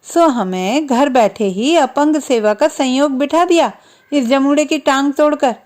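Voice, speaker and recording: A woman reading a story and voicing a coarse, mocking wealthy master of the house who laughs loudly at others. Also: sits high, measured pace. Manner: jeering, loud laughing.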